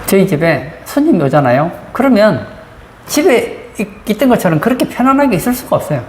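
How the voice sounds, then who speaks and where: A woman's voice: mid-range voice, very animated, fairly quick. A woman pastor preaching a sermon, asking the congregation frequent rhetorical questions. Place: church sanctuary. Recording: roomy church acoustics, faint background noise.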